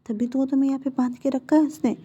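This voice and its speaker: A woman's voice: flat delivery, muffled recording, natural voice. A woman doing a cold, menacing mother. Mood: menacing, hushed. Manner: low, slow and quiet, often whispered. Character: stern mother turned cold, menacing avenger.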